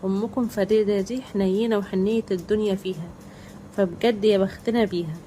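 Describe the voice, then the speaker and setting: A woman's voice: mid-range voice, steady tone, brisk, warm tone, a little hiss or hum, lightly acted, rough recording. Woman voicing a loyal young Egyptian husband. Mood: earnest. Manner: earnest, reassuring.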